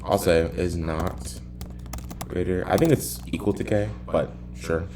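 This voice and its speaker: A man thinking aloud in a casual coding vlog, halting and muttering to himself as he drifts into tangents, sounding far from the mic in an echoey apartment. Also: sits low, fairly even intonation. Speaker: programmer recording himself working. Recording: far-off echoey room, clearly noisy.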